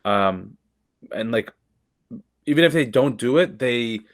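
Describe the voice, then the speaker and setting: A man's voice: medium pitch, lively intonation, slow, no echo, clean studio sound. A young man, a comedian from Canada, chatting casually on a podcast, swearing freely and restarting his sentences often. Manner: loose, profane, lots of fillers and restarts. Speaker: comedian guest.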